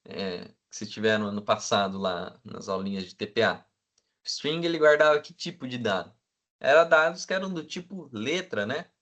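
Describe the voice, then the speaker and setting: A man's voice: fairly low pitch, animated, moderate pace, a bit bright. Male teacher lecturing a class. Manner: asks the class for agreement constantly; fills with "né?" and hesitant "é".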